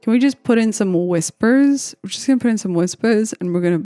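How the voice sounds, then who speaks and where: A woman's voice: on the high side, animated, a little fast, warm tone. A woman chatting casually and rambling as she builds a beat, with lots of "like" and playful asides. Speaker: music producer. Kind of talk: casual vlog commentary while making a beat.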